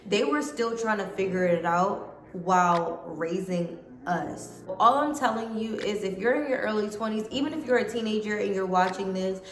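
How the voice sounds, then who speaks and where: A woman's voice: mid-range voice, moderate pace, reverberant. A woman in her late twenties talking casually to camera, giving earnest life advice to her viewers. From United States. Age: 20s. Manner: earnest, conversational, addresses viewers as guys. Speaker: vlogger.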